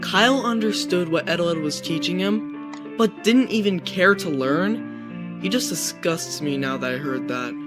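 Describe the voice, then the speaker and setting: A young man narrates a scripted spooky story in the first person at normal speed, his voice a little high for a man. Guitar music plays clearly beneath his narration.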